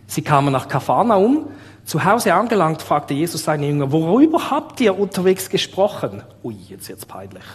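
A man with a Swiss German accent preaching a sermon, lively, putting rhetorical questions to his listeners. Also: a little high, moderate pace, in a large hall.

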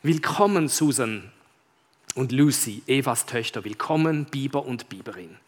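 A man's voice: mid-range voice, animated, a little slow. A man reading as a solemn lion king. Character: majestic male lion king, grave and welcoming.

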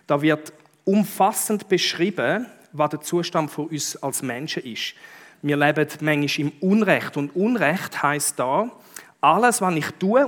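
Animated Swiss German preacher. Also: male voice, fairly high pitch. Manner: lively, conversational preaching with emphatic interjections. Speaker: pastor. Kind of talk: sermon.

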